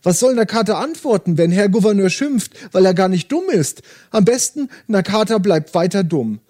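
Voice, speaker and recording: A man reading aloud as a simple-minded, gentle old man in his sixties who earnestly speaks of himself in the third person. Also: high voice, lively intonation, normal speed. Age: 60s.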